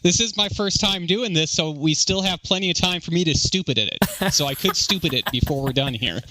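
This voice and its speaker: A man's voice: a little high, lively intonation, fairly quick, noisy background. A man appearing as a guest on a podcast, chatting in an easygoing, self-deprecating way. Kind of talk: casual chat.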